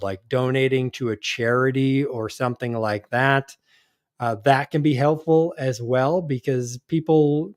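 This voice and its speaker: A man's voice: mid-range voice, a little mellow, no echo, clean studio sound. A man hosting a live show, chatting casually and reading news items with frequent restarts. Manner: hesitant, restarts often, reads news items aloud. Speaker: podcast host. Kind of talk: casual live-stream chat.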